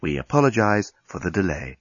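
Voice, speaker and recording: A man voicing a calm, polite machine that reassures a client. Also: low voice, brisk, no echo, lo-fi sound, pitched below the performer's own voice. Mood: reassuring. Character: soothing automated beauty machine voice.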